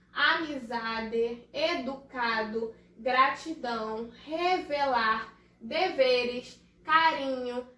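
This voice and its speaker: A woman's voice: sits high, pushed and bright, roomy sound, far from the mic. A Brazilian woman teaching first graders, patiently spelling out syllables in a recorded remote lesson. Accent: Brazilian Portuguese. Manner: slow, patient, spelling out syllables for small children.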